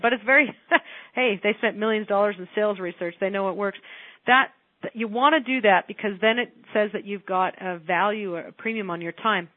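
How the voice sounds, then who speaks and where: A woman's voice: medium pitch, no room sound. A woman coaching listeners on marketing, talking casually with lots of fillers and restarts. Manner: chatty, many fillers and restarts. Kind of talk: casual spoken coaching lesson. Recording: dry, tinny phone-like sound.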